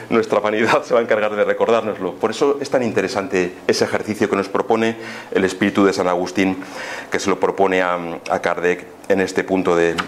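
A low-voiced man with a Spanish accent from Spain explains spiritism in an informal lecture, with slight background noise behind him. His style is didactic, built on rhetorical questions and brief check-ins.

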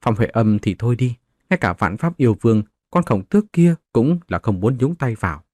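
A man's voice: medium pitch, lively intonation, normal speed, darkish tone, no room sound, studio quality. A man narrating a martial-arts novel as a scripted audiobook, voicing the characters in his own voice.

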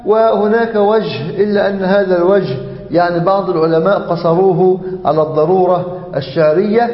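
Male sheikh, high pitch, drills grammar examples and chants verses; long reverb in a big hall. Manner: slow, drawn-out chanting of Quran verses and example forms; repeats examples to drill the class, checks in with the students. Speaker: sheikh teaching Arabic grammar. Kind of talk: religious grammar lesson. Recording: dull, echoey lecture hall audio.

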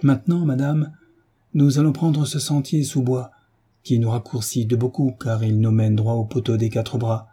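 A man reading the part of a sturdy farmer guiding a lady, steady and respectful. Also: mid-range voice, normal speed, breathy edge, natural voice. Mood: reassuring. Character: sturdy, calm, dutiful male farmer guide.

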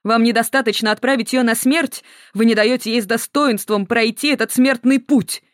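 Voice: medium pitch, fairly even intonation, normal speed, no room sound, clean studio sound, pitched above the performer's own voice, lightly acted. A narrator voicing a desperate, defiant young woman who works as a nurse, pleading in a raised voice.

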